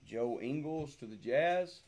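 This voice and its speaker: A man's voice: medium pitch, expressive, slow, a little mellow. A man hosting a card break, reading out player names with joking asides. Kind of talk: live card-opening commentary.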